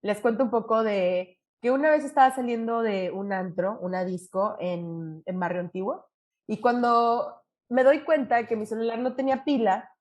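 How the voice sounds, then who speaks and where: A woman's voice: fairly high pitch, normal speed. A young adult woman from Mexico with a Monterrey accent, telling a stand-up story and acting out the people in it with frequent laughs. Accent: northern Mexican, Monterrey. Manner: animated, acts out quoted voices, laughs often. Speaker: stand-up comedian.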